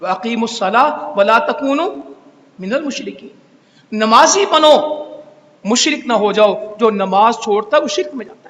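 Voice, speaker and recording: A man's voice: very high voice, lively intonation, a little slow, a bit bright. A man preaching a Friday sermon in a mosque, scolding and exhorting with rhetorical questions. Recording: echoey hall reverb.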